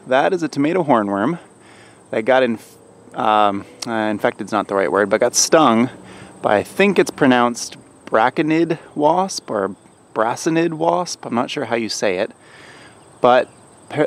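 A man casually filming a vlog outdoors in his garden, explaining things in a relaxed way, with hesitations and self-corrections. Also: mid-range voice. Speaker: gardening vlogger.

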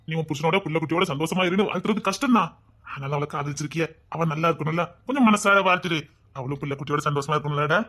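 Brief: man playing a needling young friend, Tirunelveli Tamil accent, quick and bright, comic sketch banter. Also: on the high side, slight background noise. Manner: mocking, needling. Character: teasing young man mocking his heartbroken friend. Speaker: comedy sketch actor.

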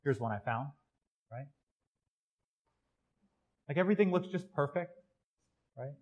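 In a church, a male priest delivers a sermon in a higher-pitched, darkish voice. He talks easily and conversationally at a measured pace, animated and often tagging lines with "right?". The sound is lo-fi.

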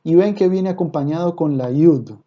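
A man's voice: a little high, normal speed, mellow. A man teaching an online language lesson, patiently repeating each point and often checking in with his listeners. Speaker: Hebrew teacher. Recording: slightly dull, muffled recording.

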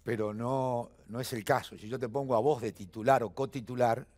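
Speaking fairly quickly in a medium-pitched, slightly mellow voice with fairly even intonation, this Argentine man in his seventies guests on a TV studio interview. His accent is Argentine Spanish, and his emphatic talk is peppered with fillers and restarts.

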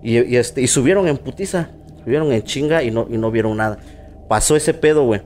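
A Mexican man in a relaxed podcast chat, spinning a spooky work story in loose street slang and a steady middle-pitched voice. Faint noise hums along behind him. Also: a little fast. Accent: Mexican Spanish. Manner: slangy, filler-heavy, acts out quoted voices. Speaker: podcast host.

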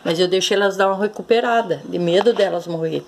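A woman's voice: fairly low pitch, quick pace, creaky, slight background noise. A woman vlogging casually as she shows her plants, chatty and affectionate, often calling out to her viewers. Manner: chatty, keeps addressing viewers as "gente", fond exclamations. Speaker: orchid-growing vlogger. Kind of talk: casual show-and-tell vlog.

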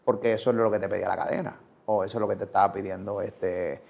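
A man's voice: lowish voice, steady tone, fast, gravelly, darkish tone. A man with a Puerto Rican accent interviewing a guest in casual, blunt talk full of swearing. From Puerto Rico.

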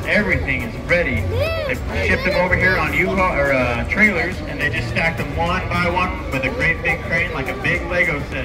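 A chatty man in his thirties gives a joking tour commentary on an open river boat, his fairly high voice coming through a speaker. It sounds roomy and a bit distant, with loud music behind. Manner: chatty, jokey, addresses riders as friends.

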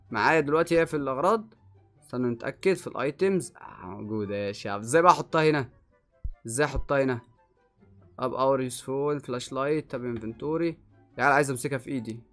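A young man with an Egyptian accent giving excitable let's play commentary, swinging from muttering to yelling. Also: mid-range voice. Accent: Egyptian Arabic. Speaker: gaming YouTuber.

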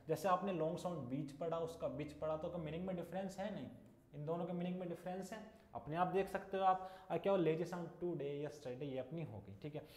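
A man teaching an English class who keeps asking his students questions and then answers them himself. His voice sits a little high, and the room around him is noticeably echoey. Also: a little mellow. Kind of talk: classroom English lesson in Hindi.

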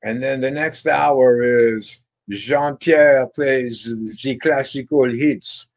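Speaking slowly in a mid-range voice, this older Frenchman is a guitarist guest on a video call, seated in a room with bookshelves lining the walls. He tells stories in a loose, rambling style, full of fillers and restarts, as in a casual interview.

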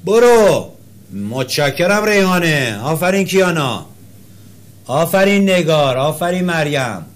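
A male teacher leading an interactive class, calling on students by name, praising their answers and chanting syllables slowly to show the rhythm. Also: on the high side, sing-song.

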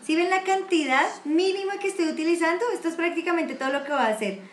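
High-voiced Colombian woman teaching painting. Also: fast, echoey room, soft background music. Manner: chatty, encouraging, uses many diminutives. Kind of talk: live online watercolor class. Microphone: computer mic on a video stream.

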